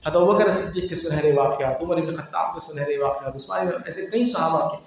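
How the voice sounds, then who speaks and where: Guy from india preaching, animated storyteller, highish voice, big echoey hall heard from far off. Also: vocal fry. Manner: animated storytelling, acting out quotes. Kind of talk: sermon storytelling. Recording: echoey hall, distant mic, faint noise.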